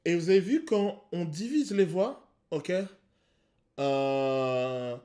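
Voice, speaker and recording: A male vocal coach explaining singing technique to viewers, pausing to sing short examples. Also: high voice, animated, mellow. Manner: explanatory, addresses viewers, sings short demos. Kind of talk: vocal analysis video commentary.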